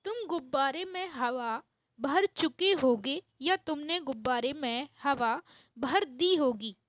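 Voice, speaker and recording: A woman teaching an English grammar lesson, reading each English sentence slowly and repeating it. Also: high-pitched, lively intonation, fairly bright tone, no echo, rough recording.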